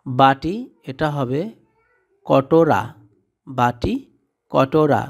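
A man's voice: mid-range voice, drawn-out words, gravelly. A man teaching a vocabulary lesson, saying each word and its translation and then repeating the pair. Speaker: language tutor.

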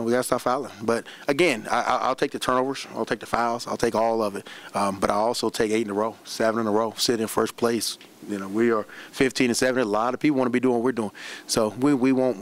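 A middle-aged man, a head basketball coach, answering questions after a game at a press room desk microphone, animated and repeating words as he talks. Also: medium pitch. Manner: animated, repeats words, fast run-on talk. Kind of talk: post-game press conference. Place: press room in front of a backdrop. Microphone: desk microphone on a stand.

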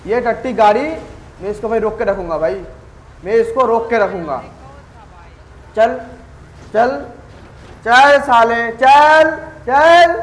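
A man giving live gameplay commentary as a gaming YouTuber, excitable and trash-talking rivals with swearing. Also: high voice, measured pace, pauses often, roomy sound, slight background noise, poor audio.

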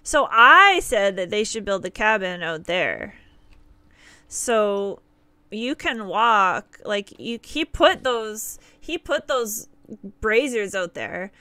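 In a small indoor room with no echo, a woman in her thirties from Nova Scotia streams a game, chatting upbeat with her viewers and laughing often. Her Nova Scotian-accented voice sits on the high side and sounds pushed and bright.

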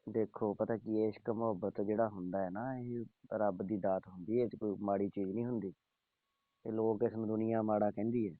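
Low-voiced man on a phone line. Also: steady tone, a little fast, dry recording. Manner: coaxing, pleading. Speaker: caller. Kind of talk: phone call.

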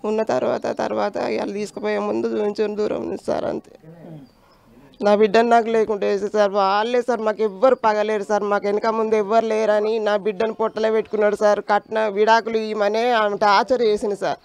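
A woman's voice: mid-range voice, level tone, fairly quick, vocal fry, a little mellow, smooth. An older woman with a Telangana accent gives a distressed account to a reporter, repeatedly calling him sir. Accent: Telangana Telugu. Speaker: victim's mother. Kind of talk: emotional interview testimony.

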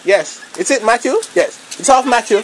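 A man giving casual, slangy play-by-play commentary on a pickup football game, rambling between plays and shouting at the big moments. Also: very high-pitched, lively intonation, moderate pace. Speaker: amateur commentator.

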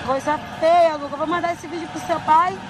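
A woman filming her son outdoors in the rain on her phone, coaxing and pleading with him and often calling out loudly. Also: extremely high pitch, steady tone, normal speed. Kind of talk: home video, talking to her child and viewers. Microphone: handheld phone. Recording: noisy outdoor phone recording.

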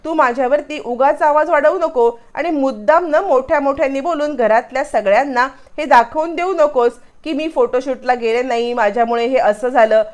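A woman's voice: high voice, moderate pace, hardly any pauses, a little mellow, close to an everyday voice. A woman reading the lines of a proud, angry young woman, scornful and dismissive, in a retold serial.

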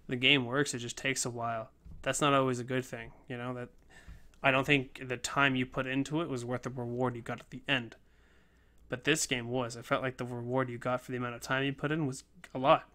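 A man's voice: medium pitch, sharp tone. A young man casually talking over his class game project, rambling with lots of fillers and restarts. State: a bit out of breath. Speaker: game design student. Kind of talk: casual development-log talk.

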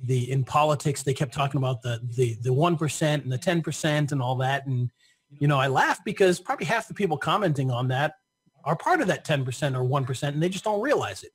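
A man's voice: on the high side, animated, quick pace. A man speaking as an interview guest in a casual conversation, often repeating his first words and laughing.

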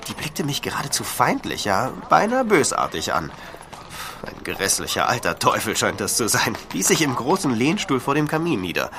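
An actor playing a young, polite, sceptical scholar in a German horror radio drama, courteous and expressive. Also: male voice, lowish voice, noisy background. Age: young adult. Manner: courteous, well-mannered, expressive.

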